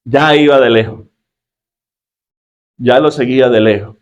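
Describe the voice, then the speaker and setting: A middle-aged male pastor giving a humorous sermon, acting out quotes with sudden jumps in pitch. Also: a little slow, clear, resonant tone, muffled recording.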